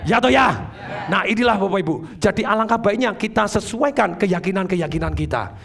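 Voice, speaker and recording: A man giving an energetic motivational seminar talk, drawing call-and-response from the audience and addressing them formally again and again. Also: high-pitched, fairly quick, creaky. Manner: acts out tones of voice to make points. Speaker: motivational speaker.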